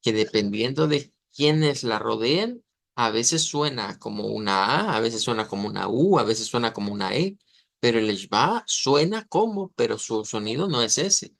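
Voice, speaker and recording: Man, language teacher, gravelly voice, patient explanations, dry close sound. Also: mid-range voice, animated, a bit bright, dry recording. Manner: explanatory, frequent "eh" and "¿verdad?", sounds out words slowly. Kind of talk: online pronunciation lesson.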